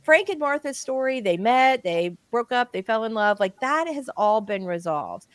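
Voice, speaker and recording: A woman's voice: on the high side, big pitch swings, moderate pace, no echo. A woman co-hosting a casual live-stream chat, reading viewer comments aloud and talking with many restarts. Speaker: livestream co-host.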